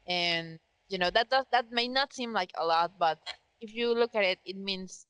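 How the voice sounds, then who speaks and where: A woman's voice: mid-range voice, normal speed, a bit bright, smooth, dry recording, rough recording. A woman co-hosting a casual fan podcast, talking emphatically and sarcastically, full of "like" and "you know". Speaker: podcast co-host.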